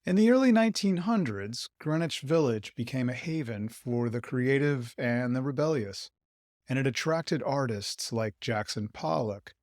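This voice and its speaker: A man narrating an English lesson in a clear, measured, explanatory way. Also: mid-range voice, a little mellow, dry recording, studio quality. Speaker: podcast host teaching English.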